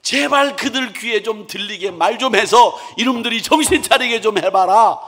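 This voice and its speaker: An exasperated, pleading God, as a male preacher puts him on, his voice pitched up, loud and drawn out as he begs his stubborn people to listen. The sermon rings with the long echo of a church hall. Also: moderate pace.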